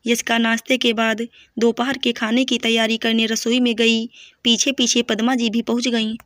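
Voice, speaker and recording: A woman narrating a moral story in a steady, measured reading. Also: a little high, no room sound, studio quality.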